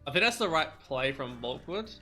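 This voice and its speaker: A man's voice: fairly high pitch, lively intonation, moderate pace, sharp tone, faint music behind. A man commentating a live strategy game match, breaking down plays analytically and laughing often. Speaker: esports caster.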